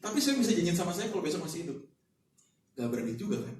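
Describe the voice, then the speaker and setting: A male pastor preaches in a high voice and keeps his sermon casual and joking. He fires rhetorical questions at the congregation. The recording is very echoey, and he sounds far from the microphone. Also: big pitch swings, racing, darkish tone.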